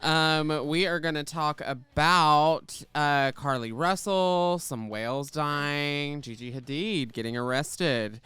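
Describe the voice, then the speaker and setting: Smooth-voiced podcast host man. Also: a little high, slow pace, few pauses, bright, forceful tone, no echo. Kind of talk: casual chat.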